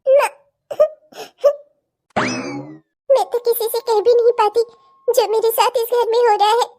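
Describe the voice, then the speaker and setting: A woman voicing a troubled young pregnant daughter-in-law brooding quietly over her secret sorrows. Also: very high-pitched, fairly even intonation, slow. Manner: hushed, brooding inner speech.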